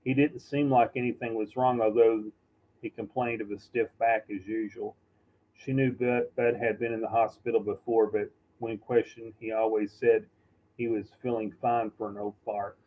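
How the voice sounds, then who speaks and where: A man reading a novel aloud in a halting, unpolished way, often stumbling and correcting himself. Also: lowish voice, level tone, narrow, tinny audio. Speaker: reader. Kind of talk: amateur audiobook reading.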